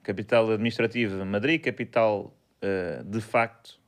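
A man's voice: fairly low pitch, fairly even intonation, normal speed. Rambling Portuguese man, casual chat. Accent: European Portuguese. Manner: rambling, full of restarts and fillers. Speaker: podcast co-host.

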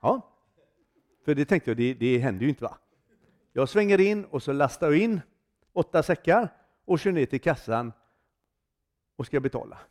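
A man's voice: a little high, lively intonation, long pauses, a little mellow. A man preaching a sermon in a conversational, storytelling way, telling a personal testimony and acting out the dialogue in it. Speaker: guest preacher.

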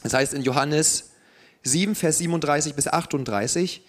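Young guy preaching, kinda high voice, loose and jokey with the crowd. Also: normal speed. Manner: casual, joking asides to the congregation. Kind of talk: sermon.

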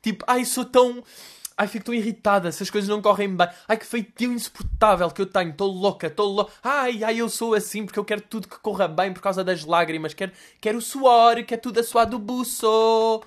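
A man's voice: high voice, fairly quick, voice pushed up, lightly acted. A man with a Portuguese accent voicing a fussy, dramatic young woman in an exaggerated, mocking whine.

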